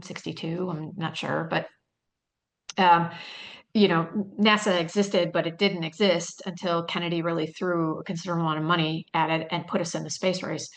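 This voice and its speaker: A woman leads a professional training webinar in an easygoing, conversational manner. Her voice sits slightly low, and she works through her ideas out loud with frequent fillers and rhetorical checks with the audience. She slips easily into storytelling. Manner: chatty, thinks aloud, with frequent "um" and rhetorical "right?"; storytelling, with quoted lines in a lifted voice. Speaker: webinar presenter.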